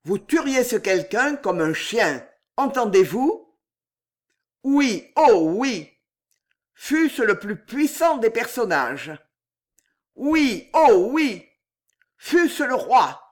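A man's voice: sits high, very animated, a little slow, heavily acted. A man voicing a commanding scheming nobleman. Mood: insistent. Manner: firm, emphatic declarations.

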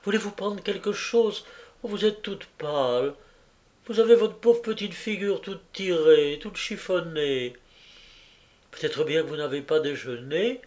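A man's voice: a little high, measured pace, a little mellow, voice pushed up, lightly acted. A man putting on a gushing older landlady. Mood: fussing. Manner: breathless, gushing, full of exclamations. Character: chattering kindly older landlady, effusive.

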